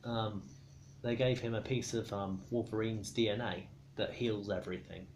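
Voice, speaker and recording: A drunk man giving a rambling, casual explanation, halting and stumbling over his words, argumentative. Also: on the low side, steady tone, a little mellow, slight background noise. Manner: swears casually. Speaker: storyteller explaining comic book lore.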